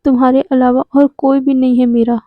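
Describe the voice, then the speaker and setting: A tearful young man begs again and again, his words tumbling and repeating, as a woman reads him. The voice sits high and bright, close and dry, with a slightly dull sound. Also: level tone, fairly quick, no echo, lightly acted. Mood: pleading.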